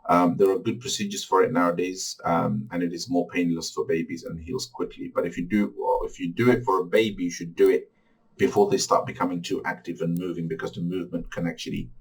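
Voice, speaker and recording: A middle-aged man from Bangladesh teaching a recorded religious course lecture, halting with many restarts. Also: low voice, level tone, vocal fry, slightly rough, distant mic, rough recording.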